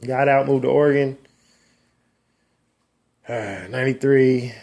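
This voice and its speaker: A man in his forties telling his religious testimony in a rambling, halting way, with many restarts and trailing asides. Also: medium pitch, creaky, a little mellow. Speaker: person sharing a testimony. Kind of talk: casual personal testimony.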